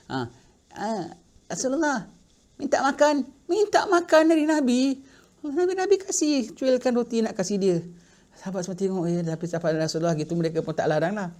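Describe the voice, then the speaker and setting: A middle-aged man teaching a religious class, telling a story with lively acted-out quotes. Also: on the high side. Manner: animated storytelling, acting out quoted voices. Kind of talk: sermon storytelling in Malay.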